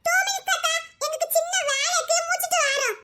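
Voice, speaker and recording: A woman's voice: fast talker, very noisy. A woman voicing cheeky little children who giggle and tattle in a comic family skit. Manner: squeaky, giggling childlike chatter.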